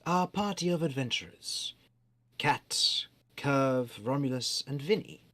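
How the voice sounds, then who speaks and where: Lively storytelling game master man. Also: medium pitch, takes it slowly, a little hiss or hum. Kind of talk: narrating a tabletop game.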